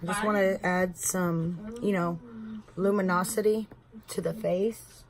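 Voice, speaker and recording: A woman's voice: on the low side, steady tone, measured pace. A woman in her thirties with a Texan accent, chatting casually at home through a makeup tutorial. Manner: chatty, rambling, addresses viewers as y'all. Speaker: beauty vlogger.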